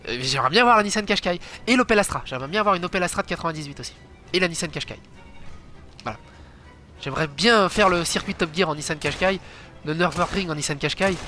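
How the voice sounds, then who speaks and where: A man giving chatty let's play commentary, swearing a lot and breaking into loud exclamations. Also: sits high, fast talker, faint music behind. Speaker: gaming channel host.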